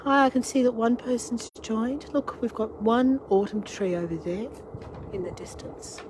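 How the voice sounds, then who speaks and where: A middle-aged Australian woman with a voice on the high side, darkish in tone and at a moderate pace, comes through in a rough recording. Sick with a cold and losing her voice, this online tour and cooking class host chats casually on a live cooking stream, welcoming every new viewer. Her device camera captures wind and ambient noise on an outdoor deck, then her home kitchen.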